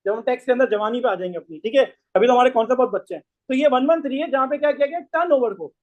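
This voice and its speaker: Hoarse high-voiced man lecturing. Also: rapid-fire. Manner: keeps quizzing the class with repeated questions; mixes English terms into Urdu. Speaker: tax course lecturer. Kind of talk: classroom lecture. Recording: tinny phone-like lo-fi recording.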